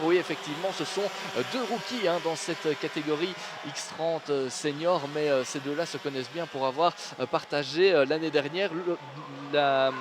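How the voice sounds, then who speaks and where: A man working as a motorsport commentator, calling a live kart race with lots of hesitant filler sounds. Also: a little high. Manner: hesitant delivery, frequently padded with drawn-out filler sounds. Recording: noisy trackside sound with engines. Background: outdoor ambience and vehicle noise.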